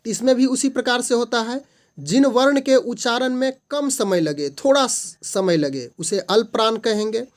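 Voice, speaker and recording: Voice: medium pitch, expressive, moderate pace. A tutor explaining multiple-choice grammar questions, patiently repeating definitions and sounding out single letters and syllables one at a time. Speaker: online tutor.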